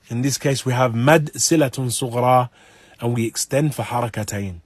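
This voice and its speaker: A man teaching the rules of Quranic recitation, explaining patiently and slowly reciting short Arabic phrases as examples. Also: medium pitch, no echo.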